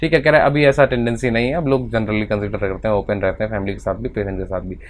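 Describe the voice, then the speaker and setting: A man with an Indian accent teaching vocabulary, reading English text slowly and then explaining it quickly in Hindi. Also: lowish voice, fairly even intonation, a little hiss or hum.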